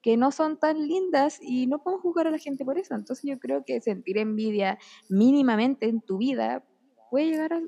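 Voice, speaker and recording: A young woman with a Chilean accent and a high voice. She talks in a casual chat, hesitant and often searching for the right words. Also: moderate pace, vocal fry, dark tone, muffled recording.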